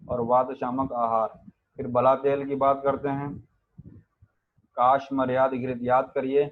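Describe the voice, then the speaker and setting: A man lectures to students on Ayurveda in an even, level tone, stopping to chant Sanskrit verses and to press the class with quick questions. His voice comes through narrow and tinny, like a phone line, and sits at an ordinary middle pitch.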